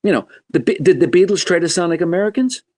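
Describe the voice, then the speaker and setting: A man in his seventies, a guest musician telling stories in a podcast interview in an animated, joking way. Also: fast talker. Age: 70s. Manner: animated, joking, wide swings in pitch.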